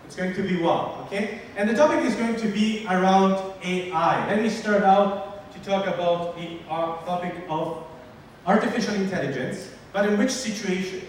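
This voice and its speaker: A man in his forties from Sicily with an Italian accent, giving a lively, interactive conference keynote and polling the audience. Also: high voice, normal speed. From Sicily, Italy. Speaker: keynote speaker. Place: large hall with an audience. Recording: echoey hall, distant mic, faint noise.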